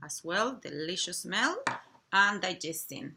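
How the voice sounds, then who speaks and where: Bright-voiced woman with a Chilean accent. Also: on the low side, expressive, gravelly, slight background noise. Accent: Chilean Spanish. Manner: warm, halting, with small slips and restarts. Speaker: co-host. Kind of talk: casual product chat.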